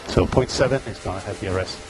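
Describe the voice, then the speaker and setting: A man's voice: deep voice, quick pace, over music, rough recording. A man working as race engineer, giving terse, clipped pit radio calls over a team radio link, repeating gaps and status updates. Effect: team radio transmission.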